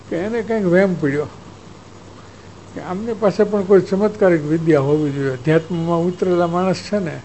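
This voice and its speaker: High-voiced man giving a spiritual discourse. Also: dark tone, slight background noise, low-quality recording. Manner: storytelling, acts out exchanges, chuckles. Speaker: spiritual teacher.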